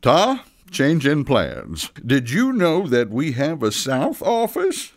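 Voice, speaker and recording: A man playing Santa as an earnest, flustered older father who speaks haltingly in a children's audio story. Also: fairly high pitch, wildly swooping pitch, dry recording, clean studio sound, heavily acted. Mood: decisive, coaxing. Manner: halting, emotional, deliberate pauses.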